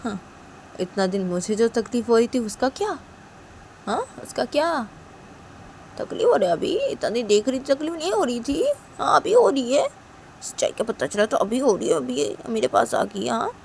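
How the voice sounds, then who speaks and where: A woman's voice: on the high side, big pitch swings, normal speed, vocal fry, darkish tone, slight background noise. A woman voicing a hurt young woman who coldly pushes her lover away and repeats that she wants to be alone. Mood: bitter. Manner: cold, accusing, repeats herself. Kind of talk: one-woman storytelling with voices.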